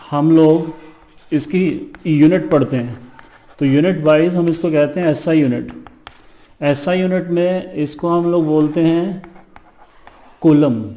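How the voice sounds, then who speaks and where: A man's voice: on the high side, mellow. A male physics teacher giving a classroom lecture in Hindi mixed with English terms, speaking English with an Indian accent and answering his own questions.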